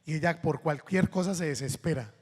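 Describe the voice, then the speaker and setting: A man's voice: on the high side, a little fast, slightly rough, long reverb tail. A Colombian man, a priest giving a sermon, telling funny anecdotes and acting out the voices of the people in them. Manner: anecdotal, humorous, acts out quoted voices.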